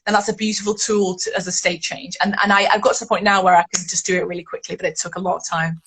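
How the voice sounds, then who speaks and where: A woman's voice: lowish voice, flat delivery, fast talker, a bit bright, breathy edge. A woman, a guest in an interview, telling stories animatedly and acting out the reactions she quotes. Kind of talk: podcast interview conversation.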